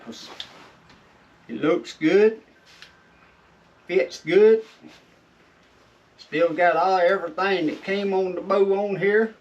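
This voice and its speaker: Southern man talking with a lip full of dip. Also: fairly high pitch. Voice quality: slightly muffled speech from a lip full of chewing tobacco. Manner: folksy, drawling informal talk. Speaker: video host. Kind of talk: casual how-to vlog. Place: shed. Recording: distant mic, dull lo-fi sound.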